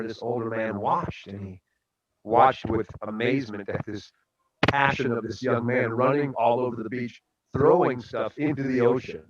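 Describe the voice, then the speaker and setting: A man's voice: lowish voice, lo-fi sound. A man who is a guest speaker on a radio talk show, telling a story and giving a motivational talk in an earnest way.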